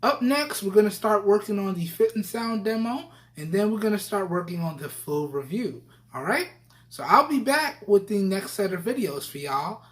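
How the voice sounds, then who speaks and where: A man's voice: sits high, expressive, normal speed. A man casually presenting a tech review video, his voice recorded through the built-in microphones of Bluetooth earbuds and often checking in with viewers. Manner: chatty, addresses viewers, keeps checking in with "all right?". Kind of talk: casual product-test vlog.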